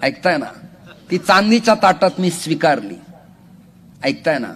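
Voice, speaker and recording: A man preaching a humorous devotional kirtan sermon to a large gathering, animated and joking with the crowd, often raising his voice. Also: on the high side, unhurried. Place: large outdoor religious gathering.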